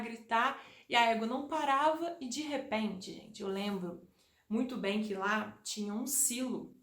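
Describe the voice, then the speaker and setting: Woman vlogging a childhood story, animated, talks right to viewers, kinda high voice, echoey room. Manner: animated, addresses viewers directly. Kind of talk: personal storytelling.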